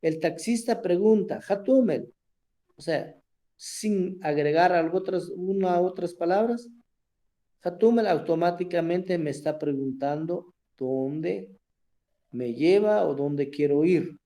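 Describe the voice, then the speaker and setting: Slow-speaking man teaching a class. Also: fairly high pitch, warm tone. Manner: slow, explanatory, asks "verdad?" often. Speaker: language teacher. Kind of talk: online class lesson.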